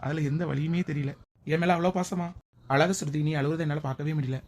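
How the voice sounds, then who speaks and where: A woman's voice: low-pitched, fairly even intonation, a little fast, darkish tone. A woman playing a teasing lovestruck young man. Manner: playful, teasing, boastful.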